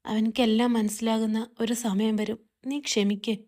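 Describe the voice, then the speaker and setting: A caring older brother in a spoken family story, gentle and protective, read by a woman narrator in her fairly high voice. He talks in a soothing, advising way. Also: level tone, normal speed, close to an everyday voice. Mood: comforting.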